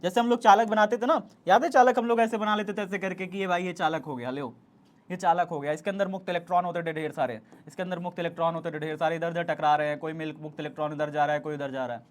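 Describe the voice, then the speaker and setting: A young man lecturing a physics class. His voice sits high for a man. He repeats each step and coaxes the students along. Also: fairly even intonation, quick pace. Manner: repetitive, coaxing, urging students to hurry. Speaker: physics teacher.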